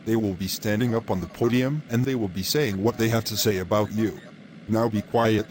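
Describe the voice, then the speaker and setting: A man's voice: fairly low pitch, fairly even intonation, normal speed, a little hiss or hum, pitched below the performer's own voice, close to an everyday voice. A man voicing a stern police officer in a homemade animation, barking orders and scolding.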